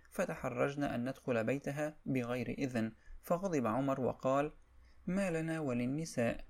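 A man narrating a religious history text in a steady, measured read-aloud style. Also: mid-range voice, gravelly.

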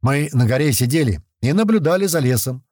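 A man's voice: medium pitch, animated, brisk, darkish tone, no room sound, clean studio sound, close to an everyday voice. A man voicing a dazed middle-aged miner telling what happened, in an audiobook reading. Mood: shaken. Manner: shaken, groaning.

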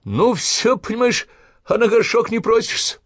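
A man's voice: extremely high pitch, expressive, normal speed, fairly bright tone, no room sound, studio quality, voice pushed up, exaggerated voice. A man voicing coarse, jeering army sergeants with a Ukrainian-tinged Russian accent, taunting recruits sarcastically.

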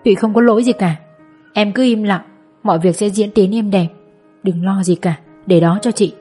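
A woman voicing a gentle, feverish young woman who is weak from illness and speaks softly and forgivingly to her younger sister. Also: medium pitch, moderate pace, soft background music, lightly acted. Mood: soothing. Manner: soft, resigned, forgiving.

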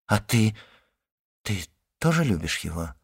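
A man voicing a pensive, worried noble mother in an audiobook, speaking softly and hesitantly. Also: on the low side, sing-song, unhurried, gravelly, husky, heavily acted. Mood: anxious. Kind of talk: audiobook character reading.

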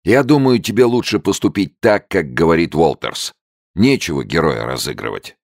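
A man's voice: low-pitched, expressive, normal speed, dry recording, studio quality, voice pushed up. A man voicing a nervous young male soldier who pleads with his friend. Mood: tearful.

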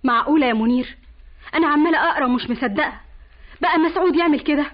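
A woman's voice: sits high, racing, lightly acted. An actress with an Egyptian accent playing a shocked young woman who reproaches a man with disgust in a radio drama. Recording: dull old radio recording.

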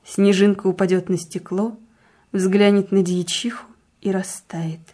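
A woman reads a classic story aloud at an even, measured pace. Her voice sits at a middling pitch. Her narration stays calm throughout. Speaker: audiobook reader. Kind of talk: literary narration.

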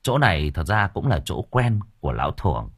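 A man narrating an audiobook in a lively, crude, colloquial way. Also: low voice, fairly quick, breathy edge, dry recording, clean studio sound. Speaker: storyteller.

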